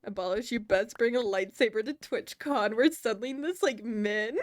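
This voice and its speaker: एक दक्षिणी अमेरिकी लहजे वाली महिला, थोड़ी ऊँची आवाज़ में, लाइवस्ट्रीम पर मज़ाकिया अंदाज़ में बातें करती और बार-बार हँसती हुई।. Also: female voice, a little high, moderate pace. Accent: Southern US. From Southern United States. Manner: playful, laughs often, stumbles over words. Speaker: streamer. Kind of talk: casual livestream chat.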